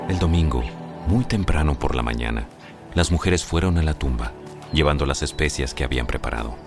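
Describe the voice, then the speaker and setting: A man narrating a dramatized Bible in a booming, solemn, scripted manner. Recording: music under the voice.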